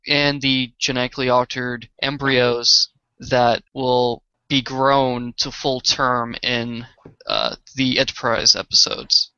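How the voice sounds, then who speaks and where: A man with a Boston accent co-hosting a podcast, explaining things in a slow, halting way with many fillers. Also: medium pitch, sharp tone, clear, resonant tone, no echo, lo-fi sound. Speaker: podcast co-host. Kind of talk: casual chat.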